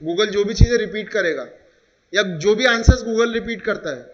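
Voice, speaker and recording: A man's voice: high voice, expressive, moderate pace, a bit bright, lo-fi sound. A man teaching a class with an Indian accent, explaining with examples and checking again and again that students follow. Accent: Indian English. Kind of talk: classroom lecture.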